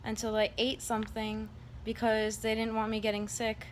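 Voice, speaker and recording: A woman's voice: a little high, completely flat delivery, moderate pace. A woman talking casually to her vlog audience, recounting a personal experience in a rambling, candid way. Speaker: vlogger. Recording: background room noise.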